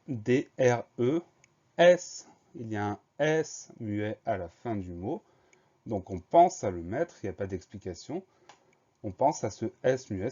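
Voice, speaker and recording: A man teaching a spelling lesson, spelling words out slowly, letter by letter. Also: fairly low pitch, dark tone. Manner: slow, careful letter-by-letter spelling. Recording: dull lo-fi recording.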